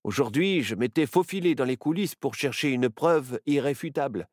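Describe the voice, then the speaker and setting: A man voicing an earnest adult journalist turned into a parrot, explaining briskly in a storybook reading. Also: mid-range voice, expressive, a little mellow, no room sound, studio quality, voice pushed up, lightly acted.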